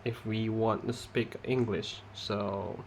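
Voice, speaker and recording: In a hesitant class presentation broken by frequent restarts, a young man from Indonesia speaks English with his native accent. The voice is fairly low, steady and gravelly, over a faint hiss or hum.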